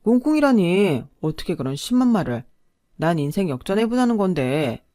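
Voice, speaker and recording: A woman voicing a scornful, pushy young husband who nags and sneers, a little louder than her narration, in a storytelling drama. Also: on the low side, animated, normal speed, no echo, studio quality, natural voice. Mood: indignant.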